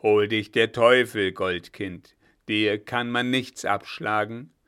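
A blustering old field marshal with a loud, booming, scolding voice, as a male reader puts him on. He is gruff and quick to anger in this storybook reading, his tone low and settled underneath the bluster. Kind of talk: audiobook reading.

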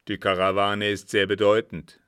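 A man's voice: fairly low pitch, monotone, moderate pace, a bit bright, clean tone, dry recording, studio quality, lightly acted. A man voicing a cunning disguised agent who feigns innocence with emphatic protests, in an audiobook reading. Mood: persuasive.

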